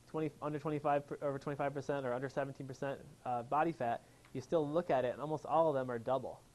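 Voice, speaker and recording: A low-quality recording captures a chiropractor's medium-pitched, darkish voice. He's presenting a keen health seminar to a live audience in a room, asking them questions as he speaks.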